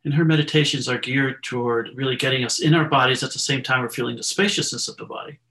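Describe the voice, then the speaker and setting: A man teaching and guiding meditation as an instructor, in a voice with a gravelly edge. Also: medium pitch, steady tone, fast talker, sharp tone.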